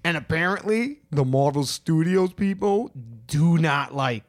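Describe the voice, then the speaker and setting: Guy guesting on a podcast, kinda high voice, wry jokes, goes on explaining stuff. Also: animated, unhurried. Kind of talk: casual chat.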